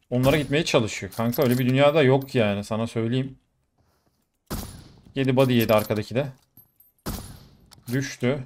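This is a young man narrating his gameplay as it happens, a gaming YouTuber whose mid-range voice bursts into exclamations and curses during fights. Behind him, the game's gunfire is faintly audible.

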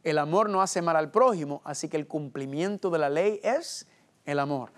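Male preacher, high voice, expressive sermon, asks and answers his own questions. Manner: preaches expressively, slowing and pausing for emphasis.

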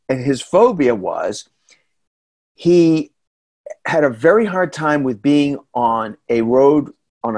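Animated, chatty New England man storyteller. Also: on the high side. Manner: animated, chatty, self-deprecating humor with many fillers. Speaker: tour guide and storyteller giving a slide talk. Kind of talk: casual storytelling presentation. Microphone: webcam on a video call.

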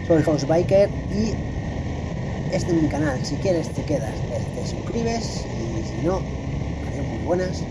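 Middle-aged man rambling over loud noise. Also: fairly high pitch. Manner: hesitant, with many fillers. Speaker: motovlogger. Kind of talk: casual voice-over narration. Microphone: voice-over recorded apart from the ride.

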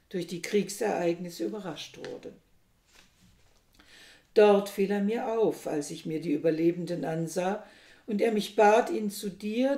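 A woman narrating an audiobook reading of a classic novel in a steady storytelling manner. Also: medium pitch, creaky. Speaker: reader. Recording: echoey room.

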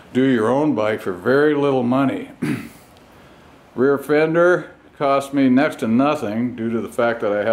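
This is casual walkaround commentary on custom bike work from a motorcycle vlogger and home mechanic with a mid-range voice. He speaks slowly and in fragments with pauses, like a hobby mechanic filming by hand in his home garage with the door open, and the handheld camera mic makes the recording noisy.

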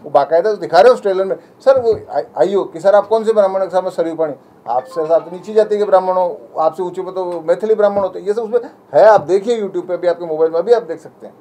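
A man's voice: sits high, fast talker, few pauses, dark tone. A young man speaking as a community representative at a press conference, agitated and pleading with rhetorical questions. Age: young adult.

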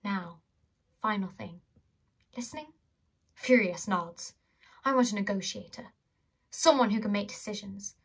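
A woman voicing a huge male bodyguard who speaks low, calm and threatening. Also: a little slow, pauses often, breathy edge. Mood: menacing.

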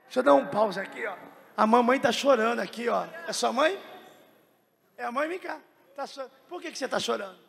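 A man's voice: very high voice, animated, a little fast, creaky, fairly bright tone. A man with a Brazilian Portuguese accent preaching emotionally at a church service, questioning congregants directly and breaking into tongues. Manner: emotive and exclamatory, bursts into speaking in tongues. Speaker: pastor. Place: large church hall with a congregation. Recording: reverberant church hall with music underneath. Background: worship music.

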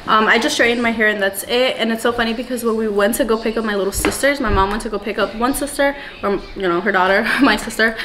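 A lifestyle vlogger in her twenties, born in Ecuador and raised in New York City, chats casually with lots of fillers, starting indoors in a kitchen and then from a parked car. Her voice is fairly high and bright, over low-quality audio with a little hiss or hum.

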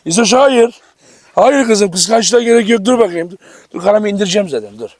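High-voiced excitable man calling his dogs. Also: fairly quick, no room sound. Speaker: farm vlogger. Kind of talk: casual vlog to camera. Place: outdoor garden with dogs. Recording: noisy outdoor camera recording. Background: dogs barking.

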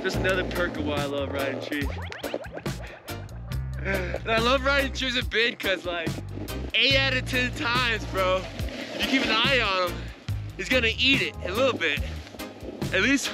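A man's voice: sits high, expressive, moderate pace, pauses often, loud music behind the voice. A young man filming himself on a camera at arm's length while skiing on snowy slopes, chatting in a laid-back way with lots of "like" and "dude". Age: young adult. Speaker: vlogger skier. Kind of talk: casual vlog talk. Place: outdoors on snowy ski slopes among trees. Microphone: action camera held at arm's length.

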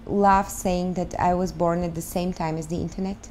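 A woman in her thirties from Bulgaria, speaking English with a Bulgarian accent, answering interview questions thoughtfully and pausing to search for words. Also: fairly low pitch, fairly even intonation, a little mellow, slight background noise. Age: 30s. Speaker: guest, start-up founder. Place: living room, on a sofa.

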